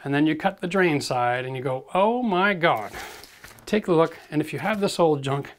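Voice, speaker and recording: A man's voice: fairly high pitch, animated, moderate pace, a little hiss or hum. Man giving a hands-on renovation lesson. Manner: direct, practical, addresses viewers as folks. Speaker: renovation show host. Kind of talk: hands-on how-to demonstration. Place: gutted bathroom in an old brick building, indoors.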